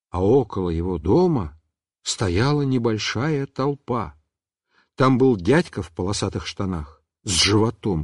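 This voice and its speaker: A man reading a children's story aloud in a first-person voice, with expressive storytelling. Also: medium pitch, husky, no echo, clean studio sound. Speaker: reader.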